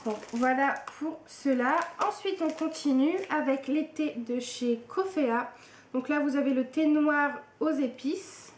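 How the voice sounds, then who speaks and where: High-voiced young woman chatting casually. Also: unhurried. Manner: hesitant, many fillers, chatty. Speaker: book and tea vlogger. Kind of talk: casual unboxing chat. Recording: echoey room with faint hiss.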